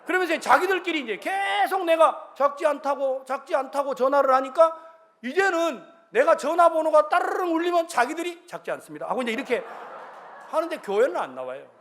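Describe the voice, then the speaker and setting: High-pitched, lively storytelling pastor man. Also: a little fast. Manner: animated, acts out phone conversations in varied voices. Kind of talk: storytelling sermon.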